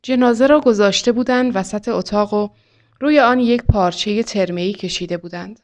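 Woman calmly reading her own story. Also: medium pitch.

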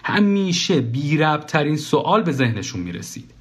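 A man's voice: a little high, very animated, fairly bright tone. A man reading a comic first-person story aloud as the narrator, in a dry, wry tone.

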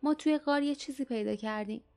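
A woman voicing a gentle young female Kin creature from an audiobook, talking softly and eagerly. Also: sits high, gravelly, pitched above the performer's own voice.

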